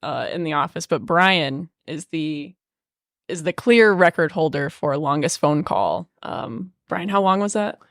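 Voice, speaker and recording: A woman from a sales team shares work stories in a friendly, upbeat manner. Her voice is lower than most women's, recorded close and dry. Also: lively intonation, measured pace, no echo. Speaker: inside sales team member. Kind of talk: casual chat.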